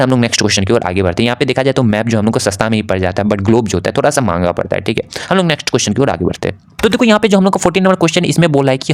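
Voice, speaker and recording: A man teaching, walking students through exam answers and reading the written answers slowly before explaining them quickly. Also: medium pitch. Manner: fills with repeated "okay".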